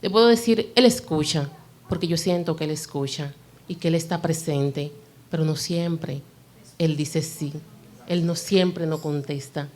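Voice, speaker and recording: A woman with a low voice gives her testimony before a church congregation. She speaks earnestly and with feeling, addressing the listeners as brothers and sisters. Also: a little slow, darkish tone. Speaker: church member giving testimony.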